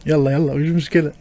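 A man's voice: on the high side, darkish tone. A man with an Egyptian Arabic accent giving joking, chatty gameplay commentary and complaining to his viewers as he plays. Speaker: gaming channel host.

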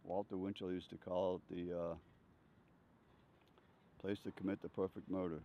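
Gravelly deep-voiced older man. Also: flat delivery, normal speed, warm tone. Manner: chuckling, rambling anecdotes with frequent laughs. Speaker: interviewee. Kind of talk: casual life-story storytelling. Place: outdoors on a bench. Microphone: handheld furry-windscreen mic held near chest. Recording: slightly dull sound, faint outdoor noise.

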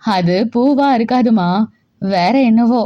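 A woman's voice: fairly high pitch, slow pace, lo-fi sound. A woman voicing an injured young adult son who talks plainly and teases his mother lightly in a storybook reading. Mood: casual, teasing. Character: young adult man, injured son, moody then teasing.

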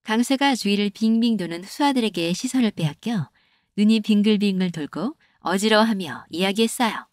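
A woman narrating a comic folktale animation in a gentle storytelling cadence. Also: mid-range voice, normal speed, no room sound, studio quality.

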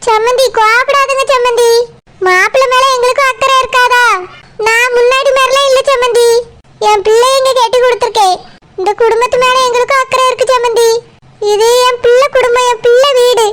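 A humble village mother of the bride , played by a woman, pleads and placates in a Tirunelveli Tamil accent. The voice is pitched extremely high, like a sped-up cartoon. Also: fairly even intonation, brisk, fairly bright tone. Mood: pleading. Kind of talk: cartoon dialogue.

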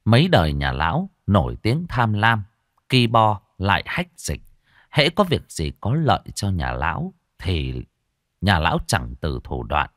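A man's voice: low voice, huge pitch swings, measured pace, fairly bright tone, dry recording, studio quality. A man narrating a ghost story in a vivid, dramatic way.

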